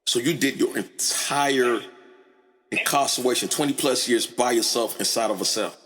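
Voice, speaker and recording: A man hosting a podcast, asking deliberate, probing interview questions. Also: mid-range voice, a bit bright. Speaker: podcast host. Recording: reverberant with faint noise.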